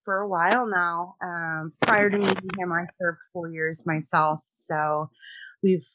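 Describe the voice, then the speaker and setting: A middle-aged woman from Rhode Island, USA, a military spouse and veteran, is a guest on a conversational podcast interview. Her voice is low and steady, a little slow, and she chats in a friendly way with frequent fillers over a noisy background.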